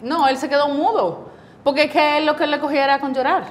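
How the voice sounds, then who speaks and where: A woman in her forties with a Dominican accent and a slightly high voice tells her story in a relaxed studio interview. She acts out the people she quotes with lively energy. A faint noise runs underneath. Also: quick pace. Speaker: guest, cancer survivor. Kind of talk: casual interview conversation.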